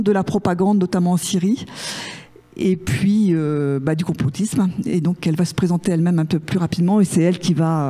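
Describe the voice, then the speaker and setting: A woman's voice: on the low side, warm tone. A woman moderating a public debate in a bar, introducing the organizers and the guest in a hesitant way. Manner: hesitant, many fillers and restarts. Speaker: event moderator. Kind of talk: conference introduction.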